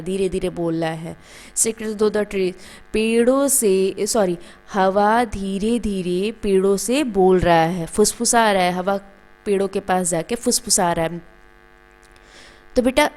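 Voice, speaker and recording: A woman's voice: medium pitch, darkish tone. Woman teacher explaining step by step. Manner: explains step by step, asks and answers own questions; calls students "beta". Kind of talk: classroom grammar lesson.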